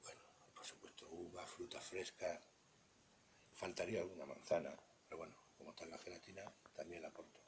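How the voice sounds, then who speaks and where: Holding a phone camera, a Spanish-accented man with a very low voice walks around an indoor buffet table, giving an unscripted walkthrough as a cheese expert. His intonation is fairly even, his speech halting and rambling, often trailing off into murmurs, with faint room noise underneath.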